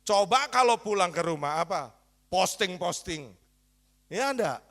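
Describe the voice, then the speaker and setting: A male pastor preaching a sermon, firing rhetorical questions at the congregation and coaxing them with a teasing, lively delivery. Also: high-pitched, measured pace.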